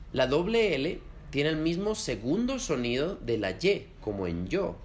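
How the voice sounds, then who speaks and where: A man teaching a beginners' lesson on Spanish pronunciation, saying example words slowly and clearly. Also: medium pitch, slight background noise. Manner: clear, slow demonstration of sounds.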